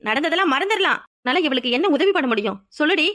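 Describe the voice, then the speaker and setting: A woman does cartoon voice acting for an outspoken young woman confronting her friend's ex in a drama, sounding confrontational and demanding. Her voice is high-pitched, expressive, quick, and a bit bright.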